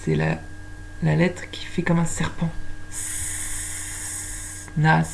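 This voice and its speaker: A woman's voice: sits low, very animated, measured pace, vocal fry, darkish tone, a little hiss or hum. A woman teaching young children to spell by sound, patiently stretching out each syllable. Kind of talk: slow phonics lesson for young children.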